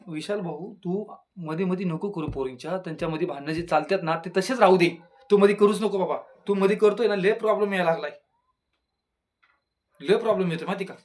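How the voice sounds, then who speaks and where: Male reviewer, higher-pitched voice, playful casual delivery with singsong filler words; addresses the show's cast directly. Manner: playful and chatty, with jingly rhyming filler words; talks straight to the contestants. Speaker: YouTube reality show reviewer.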